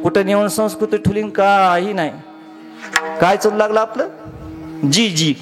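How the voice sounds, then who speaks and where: A man preaching a comedic devotional kirtan, telling lively stories and often calling out to the crowd. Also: high-pitched, a little slow, over loud music. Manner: animated storytelling, acting out each character; often addresses the crowd as maharaj and baba.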